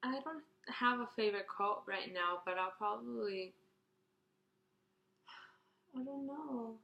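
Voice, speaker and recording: Young woman, early twenties, vlogger answering a Q&A, bright chatty tone, echoey room. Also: on the high side, slow, gravelly, lo-fi sound. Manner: chatty, rambling, restarts and fillers, reads questions out brightly. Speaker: beauty vlogger. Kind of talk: casual Q&A tag video.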